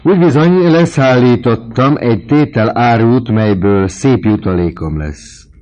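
A man voicing a boisterous, mocking middle-aged male lodger in a story reading, loud and teasing. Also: low-pitched, lively intonation. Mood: jovial mocking.

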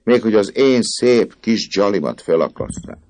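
A man voicing a nervous, boastful male poet who talks in a rapid, fussy patter. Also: fairly low pitch, animated, a little mellow, no room sound, pitched above the performer's own voice, natural voice. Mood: fussing, muttering.

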